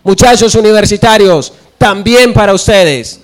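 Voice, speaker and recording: A man's voice: high-pitched, measured pace. A young man preaching a sermon, telling stories and acting out the dialogue.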